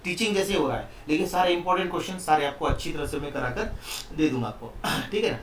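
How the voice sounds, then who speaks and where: A man's voice: fairly high pitch, lively intonation, fast, slight background noise. A man teaching a chemistry lesson online, explaining step by step and often asking the students questions. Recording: echoey room, mic at a distance.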